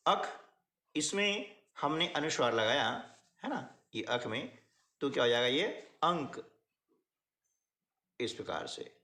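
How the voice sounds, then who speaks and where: A man's voice: slow pace, long pauses, roomy sound. A man teaching a workbook lesson, explaining step by step and often checking in with short questions to the listener. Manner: lively, rising and falling pitch.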